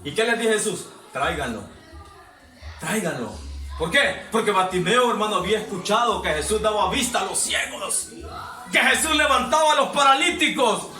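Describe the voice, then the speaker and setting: A man preaching a sermon to his congregation, exhorting and asking them questions, his voice rising to shouts. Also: sits high, a little fast. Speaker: pastor. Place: church hall. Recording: echoey hall, mic far off.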